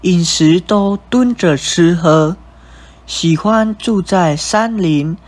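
A young adult man with a Taiwanese Mandarin accent reads scripted radio-drama narration in a high-sitting voice at a slow pace. A music bed plays behind his narration.

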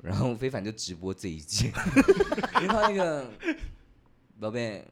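A man's voice: medium pitch, wildly swooping pitch, normal speed. A man from Taiwan, telling a comic story on a podcast and laughing often. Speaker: podcast co-host. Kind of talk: casual chat, comic storytelling.

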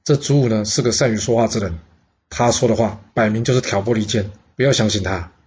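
A man's voice: on the low side, fast, a little mellow, husky. A man voicing a wary male adviser who warns bluntly. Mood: warning. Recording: dull lo-fi audio.

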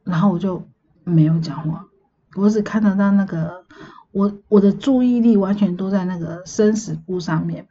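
A woman, casually telling a dream story on her podcast in a chatty, meandering way, often pausing to recall details. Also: medium pitch, mellow, highs cut off. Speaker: podcast host.

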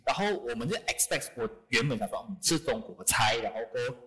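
A man, co-hosting a podcast in an animated, excitable way and mixing in English words. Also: medium pitch, fast talker, slightly rough. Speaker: podcast co-host. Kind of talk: casual chat.

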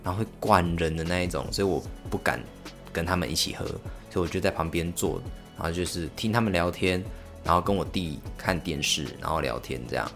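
A young man with a Taiwanese Mandarin accent, hosting a casual solo podcast and telling stories in a halting way, with many fillers and restarts. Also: low-pitched, a bit bright, soft background music. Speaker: podcast host.

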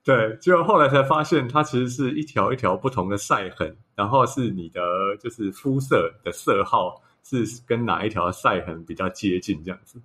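A man's voice: on the low side, moderate pace, few pauses, a bit bright. A man with a Taiwanese Mandarin accent co-hosting a podcast, telling stories in casual chat and laughing often. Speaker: podcast co-host.

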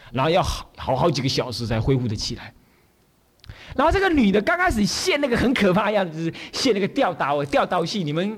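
Lively Taiwanese-accented monk preaching. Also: male voice, high voice. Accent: Taiwanese Mandarin. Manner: animated, often asking the audience for agreement; acts out characters' voices while telling stories. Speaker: Buddhist abbot giving a dharma talk. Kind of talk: storytelling sermon.

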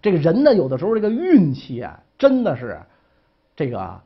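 A man's voice: fairly high pitch, wildly swooping pitch, moderate pace, gravelly, slightly rough, highs cut off. A man telling ancient history in a humorous, colloquial way, with frequent asides. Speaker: storyteller.

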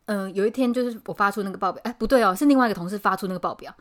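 Fast-talking Taiwanese woman podcast host. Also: medium pitch. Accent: Taiwanese Mandarin. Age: 30s. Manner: animated storytelling, acting out quoted coworkers. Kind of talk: casual chat.

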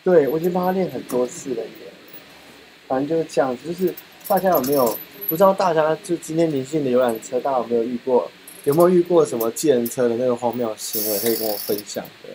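A man hosting a podcast, telling a rambling anecdote in a casual, animated way. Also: medium pitch, fast, slight background noise, poor audio. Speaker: podcast host. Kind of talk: casual storytelling chat.

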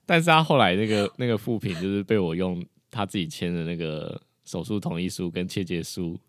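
A woman, co-host and colleague at an animal hospital, calmly adding details in a casual chat. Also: very deep voice, a little fast, no echo, clean studio sound. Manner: calm, filling in details and summing up.

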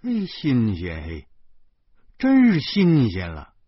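A man narrating a novel in the first person, lively and exclamatory. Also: mid-range voice, slow pace, husky, no echo. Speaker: audiobook narrator. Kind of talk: storytelling narration. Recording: dull lo-fi recording.

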